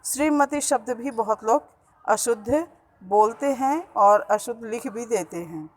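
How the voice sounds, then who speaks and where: A woman's voice: fairly high pitch, rough recording. A woman teacher giving a school grammar lesson, patiently repeating words to show the correct pronunciation. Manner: slow, patient, repeats each word to stress correct pronunciation.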